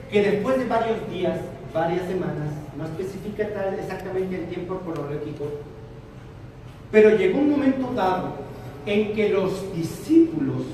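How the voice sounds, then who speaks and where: A man preaching a sermon to a congregation, animated, swinging between loud and soft. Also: high voice, a little hiss or hum. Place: church hall with congregation. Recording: echoey hall, from far off. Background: congregation answering.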